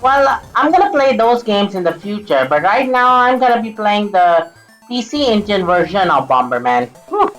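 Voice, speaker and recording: A woman's voice: mid-range voice, sing-song, moderate pace, fairly bright tone, faint music behind, rough recording. A woman giving casual let's-play commentary over a retro game, often stuttering, restarting sentences and laughing at her own slips. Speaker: gameplay commentator.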